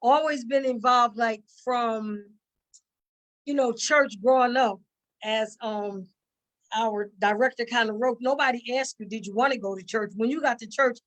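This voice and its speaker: A mature woman with a fairly high voice is being interviewed, chatting casually and telling stories in a halting way, now and then quoting what someone said. The audio quality is poor.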